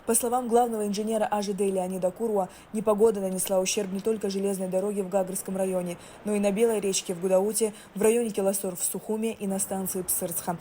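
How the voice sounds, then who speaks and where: A woman's voice: medium pitch, flat delivery, fast, few pauses, dark tone. A woman reading a scripted news report as a field correspondent. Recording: faint ambient noise behind voice-over.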